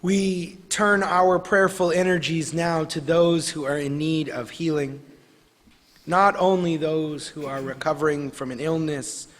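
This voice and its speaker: A man leading worship, speaking in a steady, even tone with little rise and fall. He reads out a long list of names in a measured way. His voice carries a long reverberation from the chapel. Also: fairly high pitch. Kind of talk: liturgical prayer leading. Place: synagogue chapel.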